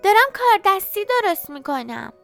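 A woman reading a storybook, voicing a curious, chatty little sister in a high childlike voice. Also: sing-song, gravelly, a bit bright, faint music behind, exaggerated voice. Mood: eager. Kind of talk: audiobook character voice.

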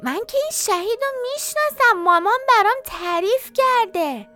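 A woman reading a storybook, voicing a curious, chatty little sister in a high childlike voice. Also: lively intonation, a bit bright, faint music behind. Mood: eager. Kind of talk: audiobook character voice.

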